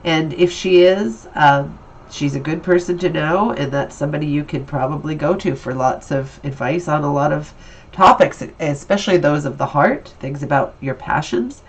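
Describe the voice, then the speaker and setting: A woman's voice: low-pitched, moderate pace, slight background noise, poor audio. A woman with a stuffy, nasal voice from allergies, giving an upbeat and encouraging tarot reading in a casual, chatty way. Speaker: tarot reader.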